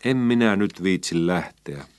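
A man's voice: sits low, lively intonation, no room sound, studio quality. A man voicing a stubborn, sulky young boy in a children's story. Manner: sulky, reluctant.

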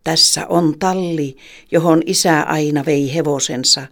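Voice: mid-range voice, fairly even intonation, vocal fry, fairly bright tone. A reader voicing a young boy from a folk tale, earnest and trusting in faith.

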